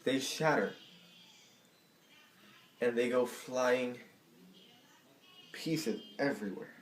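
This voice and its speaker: A man telling a storytime vlog in an animated way, acting out the people in it. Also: medium pitch, extremely slow, echoey room, soft background music. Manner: animated storytelling that acts out the voices. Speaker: vlogger.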